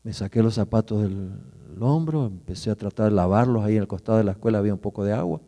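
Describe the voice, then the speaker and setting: A middle-aged man preaches in a warm, mellow voice. He tells his story vividly, rising loud and dropping to a hush. The recording carries the long reverb of a church hall. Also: on the low side, quick pace. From Argentina. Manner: vivid personal storytelling, swings from loud to hushed. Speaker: pastor. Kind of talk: sermon storytelling.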